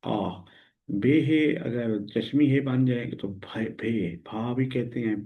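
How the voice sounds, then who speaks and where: A man from Pakistan gives a recorded grammar lesson. He talks at a mid pitch, in a patient manner, and goes over each word slowly and repeats it. The sound is thin and narrow, like a phone line. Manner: patient, explains step by step and repeats words slowly. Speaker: teacher. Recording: tinny phone-like audio.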